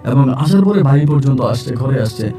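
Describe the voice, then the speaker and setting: Brief: male storyteller, dramatic and repetitive, mellow tone, distant mic over soft music. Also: mid-range voice, lively intonation, a little fast. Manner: repetitive, dramatic retelling, addresses listeners. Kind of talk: first-person supernatural storytelling.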